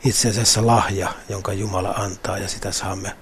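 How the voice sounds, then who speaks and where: A middle-aged man speaks in an earnest, reflective way, often restarting his phrases as he thinks. His voice sits a little low. A faint hiss of noise runs under the recording. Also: level tone, a bit bright. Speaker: guest. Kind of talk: reflective faith talk.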